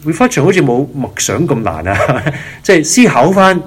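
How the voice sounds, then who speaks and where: A man's voice: on the high side, big pitch swings, normal speed, slightly rough. A man leading a prayer and Bible-reading session, teaching in a spoken style that mixes English words into Cantonese and keeps asking the listeners rhetorical questions.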